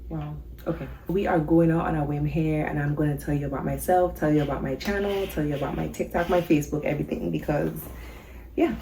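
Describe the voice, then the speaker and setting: Chatty low-voiced Virgin Islands woman. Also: fairly even intonation, a little fast, gravelly, dark tone, slight background noise, poor audio. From Saint Thomas, U.S. Virgin Islands. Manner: chatty, nervous, laughing, talking to camera. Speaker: coloring vlogger. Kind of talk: casual first-video introduction.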